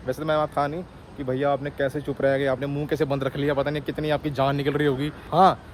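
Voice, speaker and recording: A man's voice: on the high side, little pitch movement, quick pace, a little hiss or hum. A man talking casually to his viewers in a vlog, switching from mock scolding to easy chatter. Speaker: vlogger.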